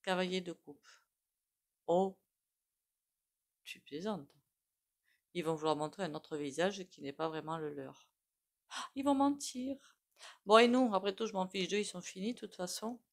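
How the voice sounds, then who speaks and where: A woman doing a casual tarot reading, thinking aloud and reacting to each card with quick exclamations. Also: fairly low pitch. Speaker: tarot reader.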